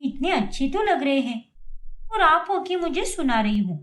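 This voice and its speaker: A woman's voice: sits high, big pitch swings, normal speed, a bit bright. A woman voicing a cheeky, defiant young daughter-in-law who argues back in a cartoon story. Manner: cheeky, argumentative.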